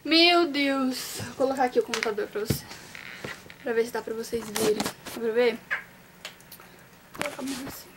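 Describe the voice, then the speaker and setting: Nervous high-voiced young Brazilian woman vlogging. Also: normal speed, pauses often, background noise. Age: young adult. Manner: nervous, excitable, exclaims often. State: trembling voice, nervous. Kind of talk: casual vlog reacting to exam results.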